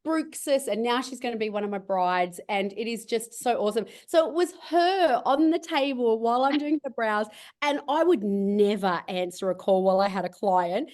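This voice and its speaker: A middle-aged woman who founded a cosmetics business tells a rambling story during a casual video-call interview, laughing often. Her voice sits on the high side, with a darkish tone and a normal speed.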